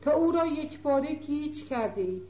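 A woman reading aloud gives voice to an aging countess, loving but anxious, warning her daughter patiently. The voice sits fairly high. The recording is echoey and muffled, with a lo-fi dullness. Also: expressive, slight background noise. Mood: gently warning. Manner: gently reasoning, affectionate. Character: older mother countess, gentle but worried. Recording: roomy, dull lo-fi recording.

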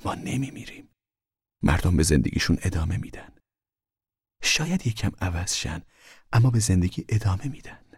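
A man voicing a calm, wise mother who speaks softly and reassuringly, almost in a whisper, in an audiobook. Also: sits low, pauses often, husky, no echo, clean studio sound, exaggerated voice. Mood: gentle, reassuring. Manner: soft, soothing, half-whispered. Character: calm, wise, steady mother of a poor family. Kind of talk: audiobook character reading.

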